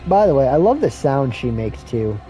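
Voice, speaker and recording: A man's voice: mid-range voice, big pitch swings, normal speed, over music. A man streaming a game, rambling and swearing through a casual rant. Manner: rambling, profane, ranting. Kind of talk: casual rambling commentary while playing.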